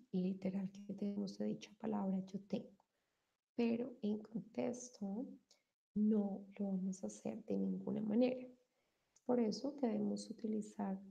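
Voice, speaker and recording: Woman teaching English, gravelly and dark. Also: medium pitch. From Colombia. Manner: switches between English and Spanish, slow modelled example answers. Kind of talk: bilingual online language lesson.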